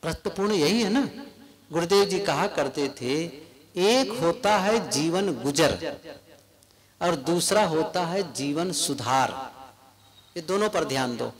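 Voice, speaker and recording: A man giving a devotional sermon to a live gathering, speaking slowly and often asking the audience questions. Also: a little high, animated. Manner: slow, questioning, with rhetorical asides to the audience. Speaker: spiritual preacher. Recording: crowd noise from a live gathering.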